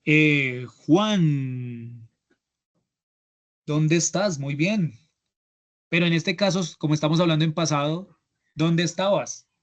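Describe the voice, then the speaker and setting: A man's voice: fairly high pitch, takes it slowly, long pauses, dull audio. A man with a Colombian Spanish accent teaching English grammar in an online class, explaining step by step and often checking in with "¿listo?". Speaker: English instructor. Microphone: computer mic on a video call.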